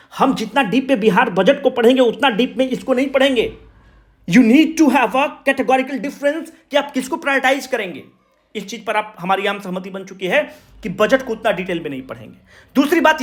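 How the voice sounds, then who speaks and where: A male exam coaching teacher, lecturing a class and slowing down to stress his English phrases. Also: sits high, fairly bright tone. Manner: mixes English and Hindi, slows down for emphatic English phrases.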